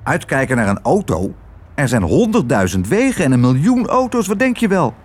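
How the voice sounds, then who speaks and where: A man's voice: medium pitch, very animated, normal speed, slightly rough. A man voicing a cheeky, bossy male crow from a storybook, brusque and given to cawing outbursts. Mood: scoffing.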